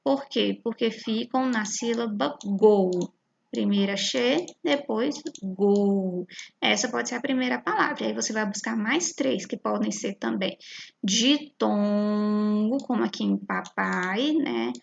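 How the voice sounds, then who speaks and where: Brazilian woman, primary teacher, patient and syllable-by-syllable, fry in the voice, dull lo-fi audio. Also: a little high. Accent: Brazilian Portuguese. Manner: patient, spells out syllables slowly, frequent "né?" and "tá?". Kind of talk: recorded class explaining worksheet activities.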